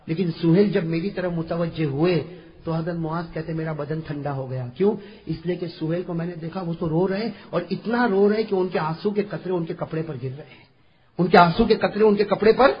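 A male preacher telling a story in a sermon, impassioned, rising to shouts and asking the audience rhetorical questions. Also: high-pitched. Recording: dull lo-fi recording.

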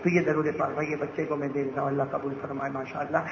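A high-voiced man gives a night sermon in a mosque, calling out to the crowd and teasing them with joking stories. His voice booms around a reverberant prayer hall through a dull, muffled PA system. A steady hum of ambience and crowd noise sits behind him. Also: gravelly. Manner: jovial, banters with the crowd, tells joking anecdotes. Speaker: preacher. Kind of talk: Ramadan night sermon with call-and-response. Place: mosque gathering.

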